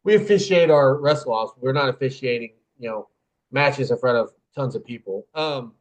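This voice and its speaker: A man's voice: medium pitch, normal speed, poor audio. A man hosting a casual podcast who also coaches wrestling, telling stories in a rambling way, trailing off and laughing at himself.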